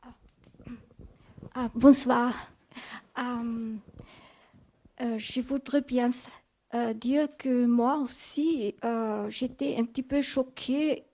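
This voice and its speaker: A woman with a foreign accent who is not a native speaker, asking an audience question in a halting, apologetic way as she searches for words. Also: a little high, fairly even intonation, mellow. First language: not French. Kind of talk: spontaneous question at a public talk.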